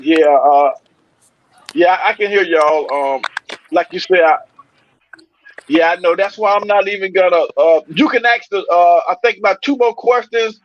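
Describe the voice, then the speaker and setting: A man co-hosting a casual talk show from a remote line. His voice comes through metallic and robotic, with feedback. He talks in a halting, loose way, full of fillers. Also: sits high, slight background noise. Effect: robotic, metallic-sounding connection with feedback. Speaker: co-host calling in remotely. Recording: muffled remote call line.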